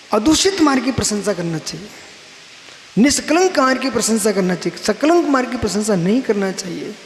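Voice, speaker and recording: High-voiced monk preaching in an echoey hall. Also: male voice. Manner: teaching, explains Sanskrit grammar and word roots, asks and answers his own questions. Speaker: Jain monk giving a discourse. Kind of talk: sermon. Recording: roomy hall echo with faint hiss.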